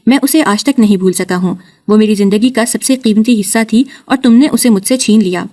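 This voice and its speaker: A grown son, quiet and pained with grief, as a woman narrator voices him. His lines sit at an ordinary middle pitch within a spoken storybook. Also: natural voice. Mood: grieving. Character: grown son, grieving and bewildered.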